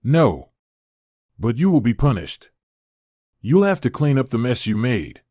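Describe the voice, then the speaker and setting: A man voicing a calm, forgiving woman schoolteacher in a read-aloud story. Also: mid-range voice, a little slow, dry recording, clean studio sound. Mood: firm. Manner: calm, gentle. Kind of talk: storybook reading.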